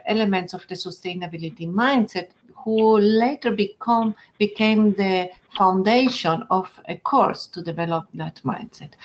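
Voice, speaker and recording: An Argentinian woman whose first language is German speaks with a German accent while presenting an online webinar lecture in an earnest, measured way with frequent fillers. Her voice is medium-pitched, and the recording sounds muffled.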